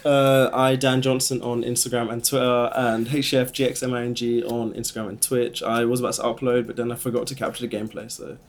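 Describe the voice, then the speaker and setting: Man's mid-pitched voice, faint background noise. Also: flat delivery, a little fast, few pauses. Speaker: podcast co-host. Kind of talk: casual podcast banter.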